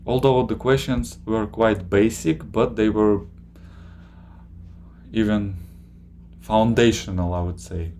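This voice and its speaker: A man casually chatting on a live stream, reading out viewer questions and reacting, with halting pauses. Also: fairly low pitch, steady tone, a little mellow, slight background noise. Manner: slow, halting, many filler pauses.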